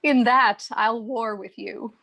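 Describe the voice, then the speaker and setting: A woman's voice: a little high, fairly even intonation, slow, creaky, a bit bright, heavily acted. An actress playing a witty young woman in love, flustered and laughing between lines of stage verse.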